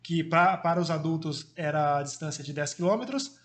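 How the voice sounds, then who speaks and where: A man's voice: a little high, a little fast, fairly bright tone. A man in his forties from Brazil, a former marathon runner telling his story as a guest in a friendly, casual way, with fillers. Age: 40s.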